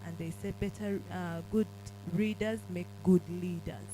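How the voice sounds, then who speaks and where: A teacher speaks in an earnest, encouraging way to an audience of parents. The voice sits at a medium pitch, with a faint hum in the background. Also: steady tone, unhurried. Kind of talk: speaking at a book launch.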